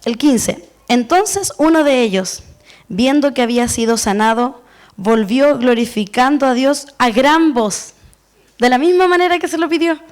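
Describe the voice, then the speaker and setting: A woman with a high voice delivers a sermon. She speaks earnestly and personally, and she keeps saying "we" to include herself with the congregation. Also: measured pace, darkish tone. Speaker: preacher.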